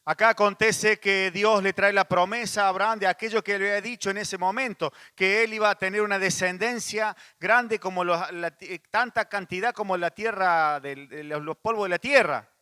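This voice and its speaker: A man's voice: sits high, steady tone, moderate pace, hardly any pauses, sharp tone, clear, resonant tone, dry recording. A male pastor with a Rioplatense Spanish accent, preaching a sermon in a conversational way, with frequent restarts and asides to the congregation.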